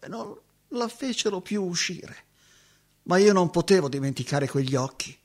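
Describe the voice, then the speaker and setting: A man's voice: high-pitched, animated, moderate pace. An actor playing a lonely, haunted man grieving a lost love, telling his story wistfully in stage-drama style. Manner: wistful storytelling with sudden anguished outbursts.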